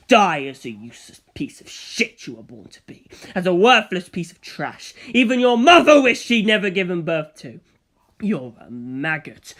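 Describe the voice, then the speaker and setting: A man voicing a cruel, domineering male vampire villain in an audiobook, raging with snarling contempt and shouted abuse. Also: high-pitched, full character voice. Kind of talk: audiobook character acting.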